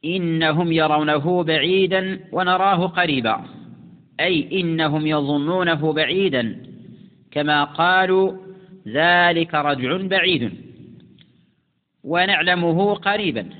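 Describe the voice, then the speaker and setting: A man teaching classical grammar, who slowly recites examples and repeats words for emphasis. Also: high voice. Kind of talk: lesson explaining classical grammar. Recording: tinny phone-like sound with long reverb.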